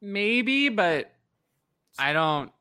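A man co-hosting a casual sports talk show, chatting in an animated way. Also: high-pitched, extremely slow, clean tone. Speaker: podcast co-host.

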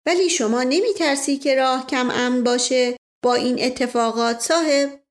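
A woman's voice: sits high, lightly acted. A woman voicing a polite Indian man who speaks formal, flowery sentences. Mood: courteous. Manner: formal, bookish phrasing with 'sahib'. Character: Indian male officer, overly courteous, flowery speech.

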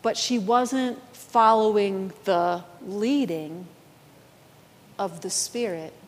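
A woman pastor preaching a sermon, telling a story in a lively storytelling manner. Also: mid-range voice, slow pace, big-room sound.

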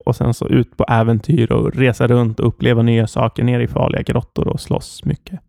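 A man speaks in brisk, direct podcast chat and is quick to push back. His voice is gravelly with some fry, and the recording is close and dry. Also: medium pitch, little pitch movement, dark tone, no room sound. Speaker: podcast co-host.

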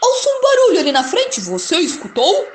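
The Gruffalo, as a woman puts him on, a hungry monster. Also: extremely high pitch, wildly swooping pitch, brisk, echoey room, slight background noise, voice pushed up, heavily acted. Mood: uneasy. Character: big clumsy male monster, hungry then fearful. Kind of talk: children's story reading.

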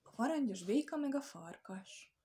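Female audiobook narrator, children's fable, even and clear. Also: on the high side. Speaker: audiobook reader. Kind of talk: scripted storybook narration.

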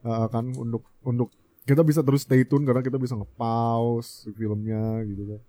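A man's voice: mid-range voice, fairly even intonation, moderate pace, dark tone, no room sound. A young man with an Indonesian accent co-hosting a casual film chat, talking in emphatic slang and switching in and out of English. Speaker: podcast co-host. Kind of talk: casual chat about films.

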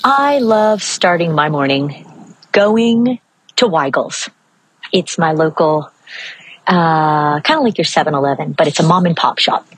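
A husky older woman from Maryland talks through a reflective podcast monologue while sitting outdoors. Her voice sits fairly low, and the sound is dry and close. She draws out the words she means most and hurries through side remarks. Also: no echo, rough recording. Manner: expressive, stretches key words slowly and speeds through asides. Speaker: podcast host.

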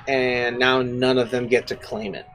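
A man narrating as game master in a casual tabletop game, relaxed and quick to laugh. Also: mid-range voice.

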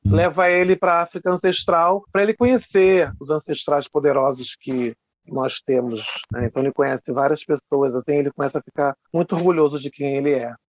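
A man, a guest author telling funny stories in an interview, animated, jumping into high put-on voices. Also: a little fast, no echo. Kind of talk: storytelling interview chat. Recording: dull lo-fi dry sound.

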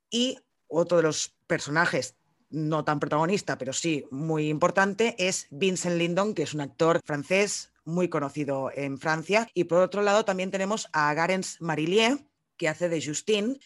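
A woman with a Spain Spanish accent co-hosts a casual film podcast. She talks in a chatty, loose way, explaining things and joking as she goes. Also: lowish voice. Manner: chatty, explains and jokes freely. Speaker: podcast co-host.

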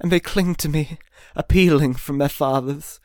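A man voicing a stern, sorrowful male spirit with a solemn way of speaking that rises into loud warnings, in an audiobook reading. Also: on the high side, normal speed, no room sound, studio quality, voice pushed up, lightly acted.

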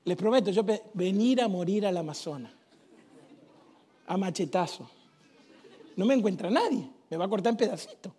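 A man, preaching a sermon in church with emphatic shouts and joking stories. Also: high voice, lively intonation, moderate pace, pauses often, slightly rough. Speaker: pastor.

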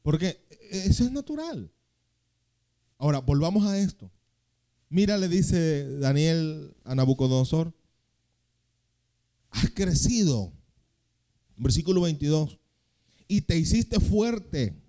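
Very animated and pitched on the high side, a young male pastor moves back and forth between slow, loud readings of scripture and fast, quiet storytelling in his sermon.

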